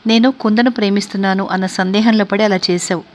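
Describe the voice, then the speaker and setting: A woman's voice: medium pitch, fairly even intonation, fast talker, close to an everyday voice. A woman voicing a troubled male landlord. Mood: remorseful.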